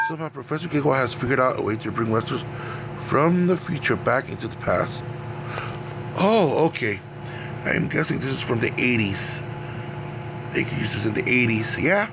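A gaming channel host with a cold and a scratchy, creaky voice gives let's play commentary on a wrestling management game. He narrates his picks in a relaxed, rambling way at normal speed and medium pitch, leaving long pauses.

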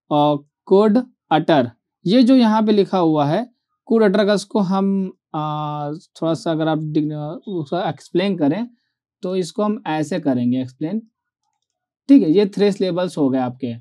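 Giving an online poetry lecture, a male teacher reads lines of verse slowly and often checks that students have followed along. His voice sits high and sounds mellow.

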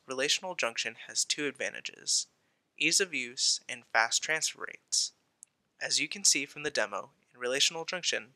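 A man with a very bright, sharp voice reads through a scripted product overview, listing the features one after another. The sound is dry and close, with no room around it. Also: mid-range voice, dry recording. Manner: reads a promotional summary point by point. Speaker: product presenter.

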